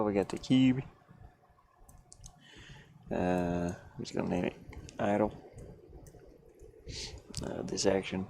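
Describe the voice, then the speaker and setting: Over steady background noise, a man with a low, gravelly voice mutters to himself while livestreaming game development from his van. His casual work commentary is thinking aloud, often trailing off mid-thought.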